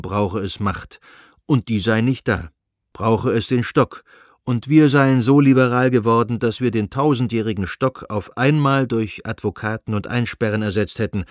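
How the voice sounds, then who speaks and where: A man narrating a classic novel as an audiobook in a measured, even reading style. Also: medium pitch, no echo, clean studio sound. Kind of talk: scripted narration.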